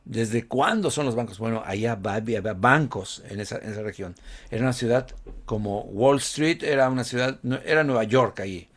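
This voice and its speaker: A male preacher, speaking in a mid-pitched voice. He preaches in a chatty, conversational way, asking his congregation rhetorical questions and calling them brother. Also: a little fast. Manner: conversational, addresses listeners as "hermano", asks rhetorical questions. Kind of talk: sermon.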